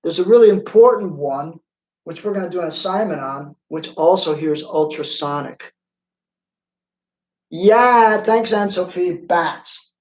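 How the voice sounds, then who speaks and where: A man's voice: sits high, expressive, measured pace, darkish tone. A male physics teacher giving an online class, chatty and playful, quizzing students by name. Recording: roomy, dull lo-fi sound.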